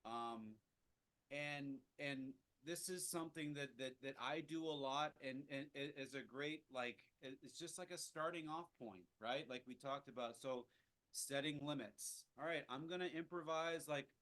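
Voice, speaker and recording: A jazz teacher leads a casual improvisation lesson, rambling with many restarts and fillers. His mid-range voice is unhurried with a fairly bright tone.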